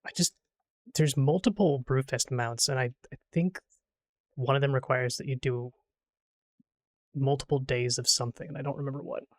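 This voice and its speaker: A male streamer chats casually and playfully while gaming, drifting through half-finished thoughts and teasing his friend. His voice sits at an ordinary pitch and is recorded close on a dry desk mic with no room sound. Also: steady tone, normal speed, long pauses, dry recording.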